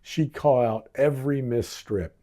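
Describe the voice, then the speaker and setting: Reading aloud from his own memoir, an American author in his sixties from Baltimore delivers scripted narration with punchy, dramatic, wry lines. He has a mellow, medium-pitched voice and goes a little slowly.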